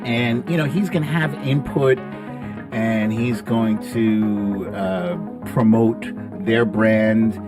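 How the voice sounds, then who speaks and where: A middle-aged man with a lowish voice hosts a casual livestream from his indoor home studio, talking slowly into a close broadcast mic on a boom arm. He chats with viewers in an animated, colloquial way, full of salty street-talk, while music plays in the background.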